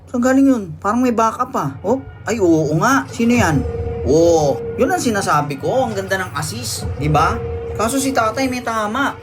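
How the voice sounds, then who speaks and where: An excitable narrator giving play-by-play movie recap commentary, breaking in with sudden exclamations and jokey asides. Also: medium pitch, moderate pace. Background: music.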